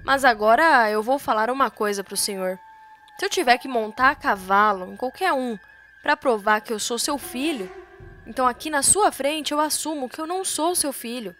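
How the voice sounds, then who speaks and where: A woman's voice: high voice, moderate pace, a bit bright, faint music behind. A woman putting on a timid, panicky young rancher's son. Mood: defiant.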